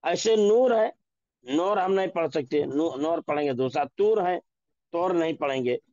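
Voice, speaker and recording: Male teacher, slow and repetitive drilling delivery, dry lo-fi recording. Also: on the high side, darkish tone, no echo. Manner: slow, repeats example words and phrases for drilling. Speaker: Urdu teacher. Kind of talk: classroom language lesson.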